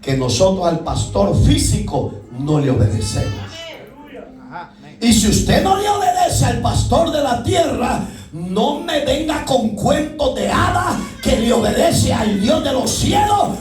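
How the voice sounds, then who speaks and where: A man preaching a fervent sermon as pastor in a church. He often shouts and mixes in folksy asides. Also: very high-pitched, sing-song, a little slow. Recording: echoey church hall, distant mic, faint music.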